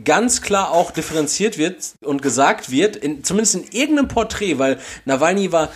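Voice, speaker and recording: A man's voice: fairly high pitch, lively intonation, moderate pace, a little hiss or hum. A German man co-hosting a podcast, rambling through casual chat with many fillers and restarts. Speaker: podcast co-host.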